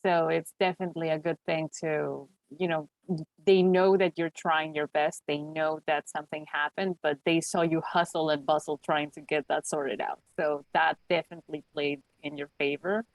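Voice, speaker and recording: A woman's voice: sits low, level tone, normal speed, no room sound, rough recording. A woman hosting a video call panel and giving encouraging feedback. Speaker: panel host.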